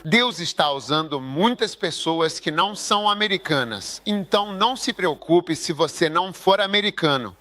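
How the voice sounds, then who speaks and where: Bright, high-voiced male preacher. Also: lively intonation, moderate pace, few pauses. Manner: emphatic, rhetorical questions to the audience. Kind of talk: Portuguese voice-over of a sermon.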